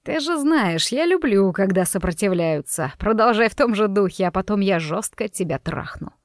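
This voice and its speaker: A cruel young mobster groom , as a woman reader puts him on, talks in a sneering, sinister drawl. The audiobook voice sits at a middle pitch and is recorded dry and close, with no room sound. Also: lively intonation, moderate pace, dry recording, natural voice. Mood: taunting. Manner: taunting, sinister.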